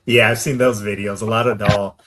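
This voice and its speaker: A man's voice: lowish voice, a bit bright. A man from Arizona, a podcast guest who investigates the paranormal, telling stories casually with lots of fillers and tagged "right?" questions. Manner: rambling, many fillers and "right?" tags. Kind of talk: casual interview storytelling.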